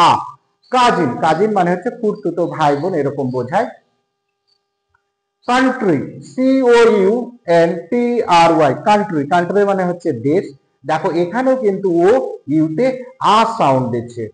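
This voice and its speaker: Man teaching spelling in an echoey room. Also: high voice. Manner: spells words letter by letter and repeats pronunciations slowly. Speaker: English teacher. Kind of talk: classroom-style language lesson.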